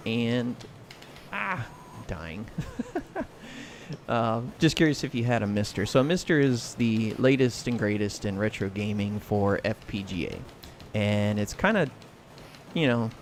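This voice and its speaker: An American man with a mid-pitched voice hosts a casual gaming livestream. He comments loosely as he plays, with clear game noise and button clatter behind him. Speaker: livestream host and gamer. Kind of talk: casual live commentary while playing. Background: video game sound and clacking arcade buttons.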